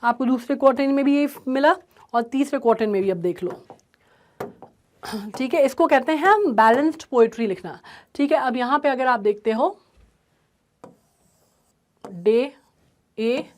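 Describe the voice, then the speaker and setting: Woman teacher with a high voice, explains a poem step by step and keeps checking in with her students. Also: lively intonation, measured pace, pauses often. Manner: repeats "ठीक है" often, mixes English terms into Hindi.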